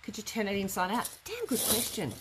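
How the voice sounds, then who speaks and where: Brisk and full of big pitch swings, a middle-aged woman's medium-pitched voice carries a casual, somewhat rambling live craft tutorial. She is in an indoor studio workroom, and the room's background noise comes through noticeably.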